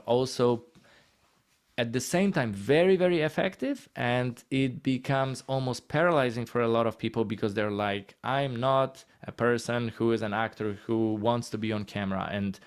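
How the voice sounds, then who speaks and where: A man with a Polish accent and a clean, medium-pitched voice gives a casual, encouraging presentation as a guest speaker on healthcare marketing, using short, conversational phrases.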